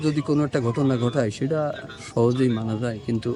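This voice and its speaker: A middle-aged man giving an unscripted condolence statement in short, halting phrases. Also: medium pitch, warm tone. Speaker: political associate of the victims. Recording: crowd noise around the speaker.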